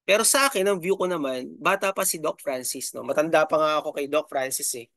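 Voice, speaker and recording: A man's voice: a little high, fast talker, creaky, a bit bright, no room sound, studio quality. A middle-aged man from the Philippines hosting a channel in casual commentary, chatty and full of fillers and tag questions. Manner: chatty, filler-heavy, frequent "no?" and "di ba?". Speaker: YouTube channel host.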